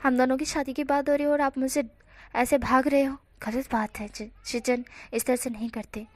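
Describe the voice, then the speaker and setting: A woman's voice: high-pitched, steady tone, moderate pace, a little mellow, no room sound, lightly acted. Woman doing a teasing young lover. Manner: playful, teasing. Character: teasing, affectionate young man in love.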